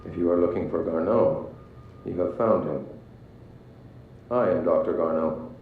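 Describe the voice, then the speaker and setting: An actor playing a guarded, eerily detached male scientist in a video game, halting and evasive in his speech. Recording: muffled, very echoey, faint rumbling noise.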